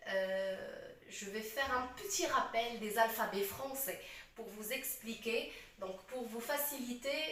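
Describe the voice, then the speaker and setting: Slow, patient woman teaching French. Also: fairly high pitch, fairly bright tone, a little hiss or hum. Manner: patient, repeats points and asks "vous voyez?". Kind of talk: slow classroom explanation of French grammar. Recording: echoey room, voice from a distance.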